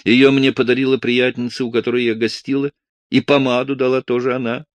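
A man voicing a timid, gentle aunt. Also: medium pitch, little pitch movement, brisk, no echo, pitched above the performer's own voice, natural voice.

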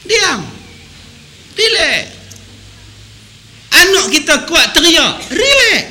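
A man delivers a humorous sermon, animated and playful, acting out little voices as he goes. His voice sits high and sounds very bright and forceful. A faint hiss runs under the recording. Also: drawn-out words. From Malaysia. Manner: animated, sings song snippets and acts out voices. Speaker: preacher.

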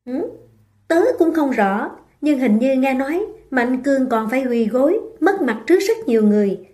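A woman's voice: high voice, animated, moderate pace, a little mellow. A woman voicing a frank, chatty young woman friend who gossips bluntly. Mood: gossipy.

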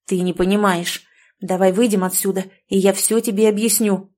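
A woman's voice: medium pitch, steady tone, normal speed, a little mellow, natural voice. A woman reading the lines of a pushy, scornful young male fiancé in an audiobook, with a demanding, sneering manner. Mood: coaxing.

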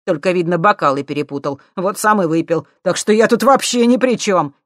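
A woman reading an audiobook, voicing a panicky, whining young man who shouts and pleads. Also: on the low side, brisk, dry recording, studio quality, pitched above the performer's own voice, natural voice. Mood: defensive whining. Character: drug-dealing young man, whiny, panicky, loud.

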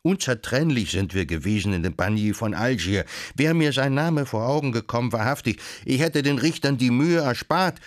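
A man's voice: mid-range voice, animated, moderate pace, few pauses, close to an everyday voice. A man reading an audiobook and voicing a cowering, fawning male Dominican judge who pleads in a bleating, panicky way. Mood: panicked fawning. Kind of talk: audiobook character voice.

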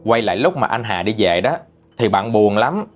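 A man narrating a ghost story in a conversational, expressive way. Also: on the low side, normal speed, soft background music.

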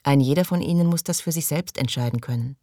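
Audiobook figure: weary man wanting peace, slow and wistful, read by a man. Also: on the high side, dark tone, no echo, clean studio sound, close to an everyday voice.

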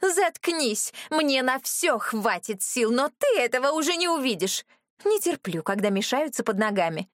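High loud crazed rich-girl villain a woman puts on, bossy and shrill, dry sound. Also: lively intonation, normal speed, no echo. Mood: raging. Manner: shrill, domineering, threatening. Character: haughty crazed young noblewoman villain.

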